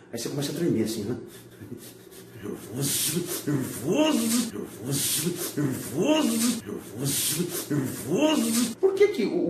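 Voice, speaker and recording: A man, an art teacher giving a recorded video lesson to schoolchildren, animated and full of rhetorical questions. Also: fairly high pitch, reverberant. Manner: animated, asks rhetorical questions and acts out examples.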